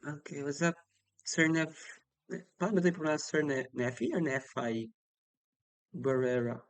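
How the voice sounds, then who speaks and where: On a livestream, a young Filipino-accented man casually answers viewer comments, chatty and apologetic, switching between English and Tagalog. His voice is a little high, a little fast and smooth, with no echo.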